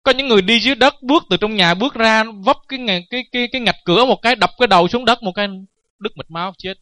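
Male Buddhist monk, sermon with humorous anecdotes; light-pitched, dry recording. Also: very fast, bright, forceful tone, no room sound. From Vietnam. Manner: joking, anecdotal, laughs at his own stories. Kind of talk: dharma talk sermon.

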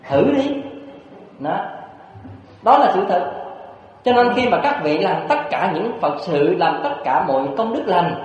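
A man preaching a Buddhist sermon, animated and storytelling, with frequent rhetorical questions to his listeners. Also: on the high side. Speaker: Buddhist monk. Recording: echoey hall, dull lo-fi sound.

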